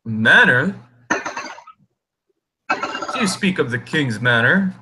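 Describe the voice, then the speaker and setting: A man's voice: mid-range voice, sing-song, slow, background noise. A man voicing a haughty, grumpy old talking tree that speaks pompously in a tabletop game. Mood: musing.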